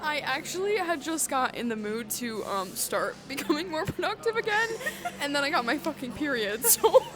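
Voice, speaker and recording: A young woman co-hosting a casual podcast chat, bubbly and quick to laugh. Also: high-pitched, very animated. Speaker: podcast co-host.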